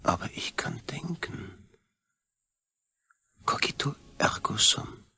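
In a radio drama monologue, a male actor plays an anguished astronaut reduced to a brain. He speaks slowly with a sharp tone and a husky, gravelly voice, often near a whisper, sounding intense, bitter and brooding.

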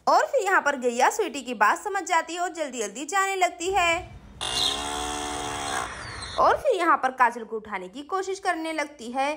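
A woman's voice: high-pitched, animated, moderate pace, long pauses, sharp tone. A woman narrating a children's doll story in a plain, explanatory way.

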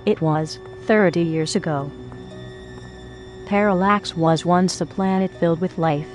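A performer voicing a robot caretaker with a robotic-sounding voice, speaking in flat, formal, clipped machine phrases. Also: medium pitch, a little slow, soft background music.

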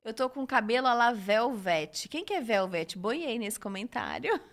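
A woman with a Brazilian Portuguese accent teaching an English lesson on a live stream, repeating model sentences slowly and reading out viewer comments. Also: fairly high pitch, expressive.

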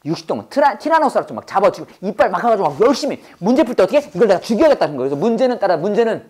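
Animated woman teaching, call-and-response. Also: medium pitch, rapid-fire. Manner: lively, call-and-response drilling with laughs. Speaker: English teacher. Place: classroom with students.

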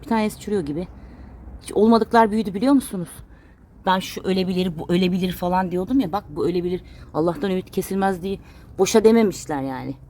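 A woman's voice: lowish voice, quick pace, dark tone, a little hiss or hum. A woman vlogging casually as she cleans and gardens, chatting to her viewers, her pets and her plants. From Turkey. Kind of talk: casual chat while doing chores. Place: home and garden.

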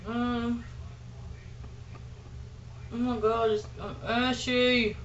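Lady talking slow through a dried-up face mask, chatty vlog, echoey room. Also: a little high, little pitch movement, highs cut off, a little hiss or hum. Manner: chatty, says y'all a lot, nervous giggles. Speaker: beauty vlogger. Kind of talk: casual chat to camera. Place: indoors at home.

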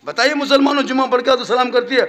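A man from Jharkhand, India, preaching at a religious gathering, shifting between low mocking asides and loud, slowed, chant-like passages. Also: steady tone. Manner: wide swings from low mutters to loud drawn-out chanting; humorous, mocking asides in local dialect. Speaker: Islamic preacher.

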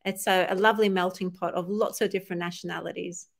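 A woman in her forties from Australia with an Australian accent, answering interview questions in a friendly, measured way. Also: on the low side, fairly even intonation, gravelly. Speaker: podcast guest.

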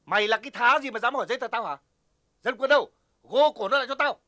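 An actor playing a bossy, lazy village security chief who blusters and orders people around. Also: male voice, very high-pitched, fast talker, sharp tone, slight background noise. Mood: domineering. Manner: blustering and domineering.

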